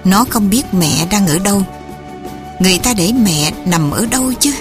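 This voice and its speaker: A woman narrating a story in a soft, measured and dramatic reading. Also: medium pitch, expressive, music in the background.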